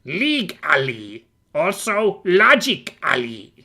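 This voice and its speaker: A woman playing a small, curt, shifty kobold servant in a fantasy video game, speaking raspily in clipped broken bursts. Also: lowish voice, big pitch swings, slow, sharp tone, exaggerated voice. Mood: defensive, curt. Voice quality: raspy, creaky.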